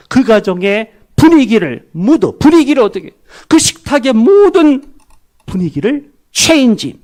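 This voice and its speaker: Male pastor, high voice, animated sermon delivery, peppers the congregation with questions and answers them. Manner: dramatic swings between loud bursts and soft low asides; acts out family dinner-table lines in little voices.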